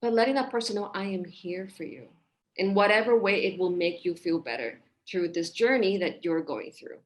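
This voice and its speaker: A relationship coach in her thirties from Hong Kong talks in a casual podcast interview over a video call from a small indoor room. She is expressive and gestures as she speaks, with a medium pitch and a moderate pace.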